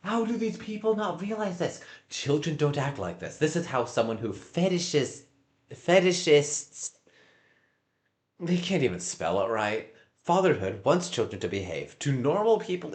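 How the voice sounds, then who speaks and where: A man giving casual, halting reaction commentary as a streamer, with mocking asides. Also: on the high side, fairly bright tone. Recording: roomy, echoey room sound.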